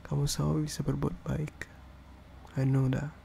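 A young man speaks in a whispered role-play, gentle and comforting, hushing as he soothes. His low-key voice is mellow and gravelly. He keeps an even, level tone throughout. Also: moderate pace, slight background noise. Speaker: ASMR performer.

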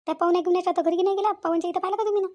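Woman doing a cartoon daughter-in-law, very high voice, tearful, pleading, repetitive. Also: steady tone, rapid-fire, dark tone, dull audio. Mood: worried. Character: anxious young village daughter-in-law, tearful, guilty. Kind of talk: cartoon voice acting.

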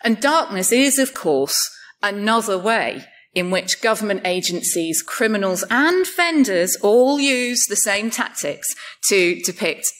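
A woman's voice: medium pitch, animated, measured pace, fairly bright tone. A woman giving a conference talk in a wry, light-hearted way, joking at her own expense. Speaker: conference speaker.

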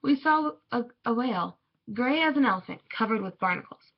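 A woman reads a children's picture book aloud in a measured, expressive way. Her voice is husky with gravelly fry. The recording sounds dull and lo-fi. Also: fairly high pitch. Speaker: storybook reader.

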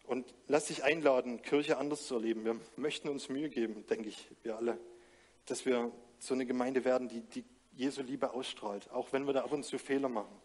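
A man's voice: mid-range voice, steady tone, a little fast, darkish tone. Male preacher, earnest and direct, mid-range voice, questions the congregation. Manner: earnest, direct address with frequent rhetorical questions and restarts. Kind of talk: sermon with closing prayer.

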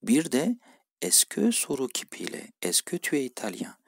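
A man's voice: medium pitch, huge pitch swings, normal speed, vocal fry, husky, no echo. A man teaching a language lesson, reading each dialogue line and then translating and explaining it. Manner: reads lines in one language, then translates them. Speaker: French teacher.

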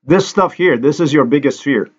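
A man's voice: fairly high pitch, normal speed, slightly rough, highs cut off. A man from Slovenia, a native Slovenian speaker, giving an angry, accusatory, repetitive monologue over a screen recording.

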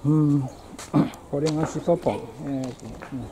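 A man talks casually as he explores a small rural station, musing aloud and working things out as he goes. His voice sits a little on the high side. The camera mic picks up clear outdoor noise with birds and passing vehicles. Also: fairly even intonation, unhurried. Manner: muses aloud, thinking as he goes. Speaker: travel vlogger. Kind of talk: casual travel vlog narration. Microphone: handheld camera mic. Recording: outdoor ambience with birds and traffic.

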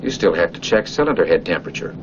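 In a 1940s military training film, a fast-talking male off-screen narrator plays a stern flight instructor, needling and directing a trainee. His fairly low voice has a sing-song, chiding quality. The aged soundtrack sounds muffled, with clear noise behind him.

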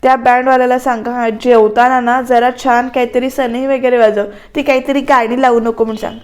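A woman's voice: a little high, flat delivery, a little fast, natural voice. A woman reading a fussy, nagging older mother. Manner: nagging, reminding.

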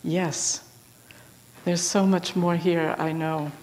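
A woman pastor leads prayers in a church sanctuary, speaking gently and without hurry. Her voice trails off into a long church reverb. She stops now and then for informal asides to the congregation. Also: on the low side, little pitch movement, takes it slowly, a little hiss or hum. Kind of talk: leading prayers in a church service.

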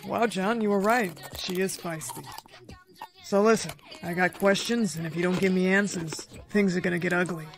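A man's voice: high voice, steady tone, normal speed, vocal fry. An actor playing a cruel male crime boss who is menacing and mocking.

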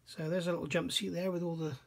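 A middle-aged man with a creaky, slightly high voice talks fast with little pitch movement. During a casual hands-on review of a scale model kit at his indoor workbench, he thinks out loud, sounding admiring and musing, and repeatedly questions himself.

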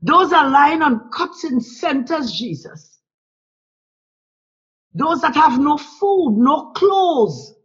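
Leading a fervent prayer, a high-voiced woman pleads and repeatedly invokes God and the Lord between phrases, very animated yet slow, pausing often. It's a dull lo-fi recording.

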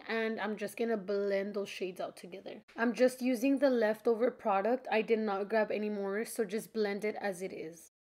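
A young adult woman with a fairly high, darkish voice gives a casual, chatty voice-over for a makeup tutorial, informal and friendly toward viewers. She sounds a little stuffed up from allergies.

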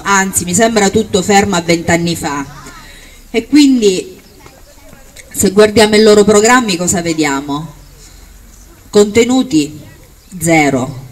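Distant woman giving emphatic campaign speech. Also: mid-range voice. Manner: emphatic oratory, projected, with deliberate listing phrases. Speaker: political candidate or activist at a rally. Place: outdoor town square. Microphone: handheld-type microphone on a stand, amplified. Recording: distant outdoor capture, faint background noise.

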